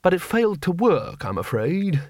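A man voicing a courteous, tactful male diplomat who speaks in a measured way. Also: high voice, big pitch swings, a little mellow, no echo, studio quality, pitched above the performer's own voice.

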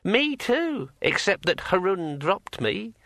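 Bossy talking sword, high ringing tone, slow drawn-out words, dry close sound, as a man puts it on. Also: sing-song, a bit bright, no room sound, exaggerated voice. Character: pushy talking magic sword, male, bossy.

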